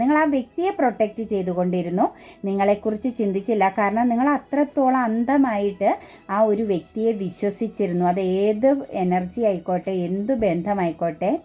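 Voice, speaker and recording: A woman's voice: medium pitch, mellow. A woman giving an earnest tarot reading straight to the viewer, talking with frequent fillers and restarts. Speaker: tarot reader.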